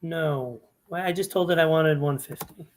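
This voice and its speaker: A man with a somewhat raised pitch talks loosely as an analyst going over fantasy sports picks. He thinks aloud and backtracks, conversational rather than scripted. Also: moderate pace. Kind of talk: casual screen-share walkthrough.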